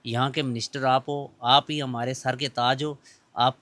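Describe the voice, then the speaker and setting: A man's voice: mid-range voice, little pitch movement, moderate pace, sharp tone, no room sound. A middle-aged shopkeeper man speaking outdoors in a market lane, pleading and emphatic in a street interview.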